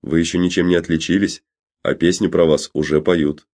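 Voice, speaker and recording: A man's voice: deep voice, level tone, brisk, darkish tone. A man reading as a coaxing, goading barman. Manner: coaxing, egging on. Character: flattering, goading male dockside barman. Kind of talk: audiobook character voice.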